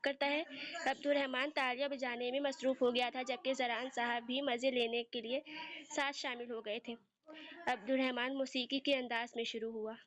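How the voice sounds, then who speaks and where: A woman narrating an audio novel in a steady storytelling manner. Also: sits high, normal speed. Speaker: novel reader. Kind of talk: scripted narration.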